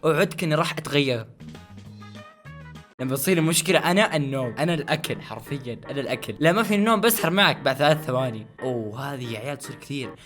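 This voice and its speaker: A man doing casual reaction commentary as he tries not to laugh, excitable and often repeating phrases. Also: mid-range voice, racing, soft background music. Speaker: host of a try-not-to-laugh challenge video.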